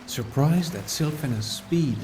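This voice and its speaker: Voicing the lead character of an audiobook, a man tells of his journey as a calm, caring fantasy adventurer and mentor, narrating in a measured, earnest first person. His voice sits on the high side, and he speaks over music.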